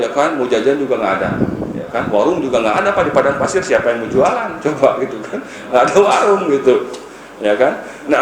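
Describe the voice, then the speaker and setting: A man preaching an informal sermon in a mosque. He tells a story with jokes, acts out its dialogue, and keeps addressing his listeners directly. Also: medium pitch. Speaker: Islamic preacher. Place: mosque, after dawn prayer. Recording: roomy mosque echo with faint noise.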